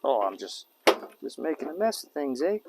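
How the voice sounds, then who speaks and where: A man's voice: medium pitch, very animated, moderate pace, creaky, very noisy. A man vlogging from an outdoor campsite, rambling casually to camera and his dog as he cooks. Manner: rambling, talks to his dog and jokes to himself. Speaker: camping vlogger. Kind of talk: casual talk to camera while cooking.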